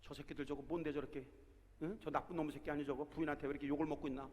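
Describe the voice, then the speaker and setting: A man's voice: fairly high pitch, little pitch movement, racing, a little mellow, close to an everyday voice. Man doing scornful muttering bus passengers. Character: rude gossiping male bus passengers, adults. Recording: long reverb of a large hall.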